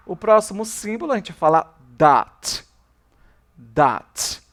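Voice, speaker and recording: In a recorded review class, a male English teacher moves along unhurriedly and with animation, stretching out each English model word and frequently saying it twice for practice. He explains things in Portuguese, and between the model words his voice drops into lower, quicker asides.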